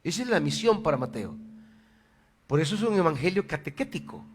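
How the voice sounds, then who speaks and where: A man's voice: on the high side, sing-song, fairly quick, a little hiss or hum. A male pastor preaching a sermon in church over a microphone, hammering his points home by repeating key phrases. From El Salvador. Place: church sanctuary. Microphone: handheld or stand microphone on a PA system.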